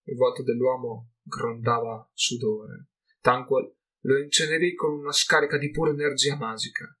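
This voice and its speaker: A man narrates a fantasy audiobook in a measured, dramatic manner. His voice is bright and forceful, with a husky grain running through it. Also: medium pitch, level tone. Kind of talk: scripted narration.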